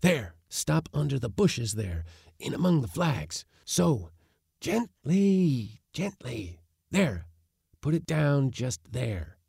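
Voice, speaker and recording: A man voicing an excitable, secretive old uncle who gives urgent hissed whispers and sharp commands. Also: medium pitch, takes it slowly, creaky, breathy edge, dry recording, studio quality, pitched above the performer's own voice, exaggerated voice. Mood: urgent, commanding.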